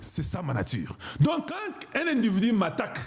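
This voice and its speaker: A man's voice: high voice, huge pitch swings, normal speed, slightly rough. A man from Congo, giving an impassioned political monologue in an emphatic, declamatory way and repeating himself for emphasis. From Congo (DRC). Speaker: online political commentator.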